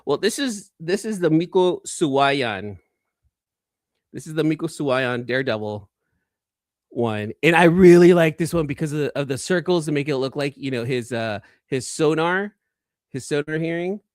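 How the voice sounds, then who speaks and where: A man hosts a live collecting stream, showing off comics and chatting casually and enthusiastically in informal slang, often repeating phrases for emphasis. His expressive voice is a little high and moves at normal speed. The recording is dry and clean, studio-style.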